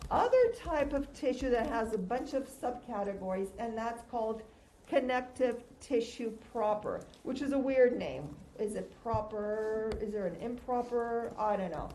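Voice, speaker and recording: In a roomy, echoing space with some background noise, a woman teaches a class through a face mask. Her voice sits a little high and sounds slightly muffled. She lectures conversationally, often asking a question and then answering it herself. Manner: conversational, quizzing listeners with questions and answering them. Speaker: lecturer teaching anatomy and histology. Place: lecture room, recorded as audio.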